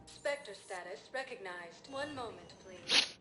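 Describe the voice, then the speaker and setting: A woman voicing a calm female elevator computer in a game, announcing in an even, measured way. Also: medium pitch, roomy sound, over music. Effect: ship computer announcement.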